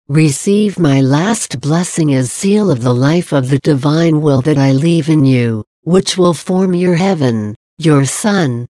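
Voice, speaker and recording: Brief: woman reading as a tender queen of heaven, low and slow, mellow and dry. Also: no room sound. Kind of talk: devotional reading.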